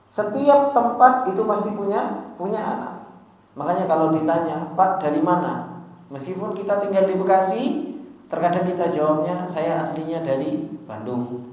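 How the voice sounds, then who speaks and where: A male Islamic preacher delivering a sermon to an audience of men, repeating phrases and rising in emphasis on key words. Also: sits high. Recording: echoey hall from far off, dull sound.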